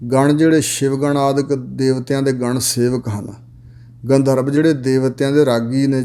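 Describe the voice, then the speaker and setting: A man expounding scripture, chanting each verse slowly and then explaining it word by word. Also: mid-range voice, dark tone. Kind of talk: religious exposition.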